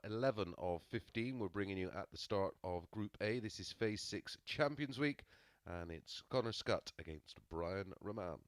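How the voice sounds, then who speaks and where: A man's voice: on the low side, expressive, moderate pace, hardly any pauses, no room sound, clean studio sound. A man giving live sports commentary on a darts match.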